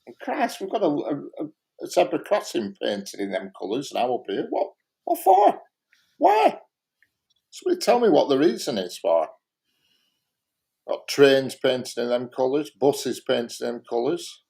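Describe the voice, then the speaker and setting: Speaking in a warm, gravelly, medium-pitched voice with a sing-song lilt, a man with a Lancashire accent offers blunt opinions in a casual live-stream chat. He goes a little slowly, stays emphatic, and tends to repeat himself.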